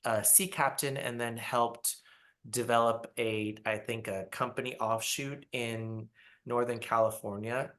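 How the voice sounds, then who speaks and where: A middle-aged man from Taiwan, answering interview questions on a video call in a reflective way with many pauses. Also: mid-range voice, fairly even intonation, a bit bright. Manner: unhurried, reflective, with frequent pauses and fillers. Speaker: interview guest, ballet artistic director. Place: small apartment.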